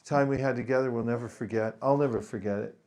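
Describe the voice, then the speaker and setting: A man giving a spiritual talk to a gathering, speaking slowly and deliberately and pausing for his translator. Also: mid-range voice, a little mellow, slight background noise. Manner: slow, deliberate, leads group chanting. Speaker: visiting speaker.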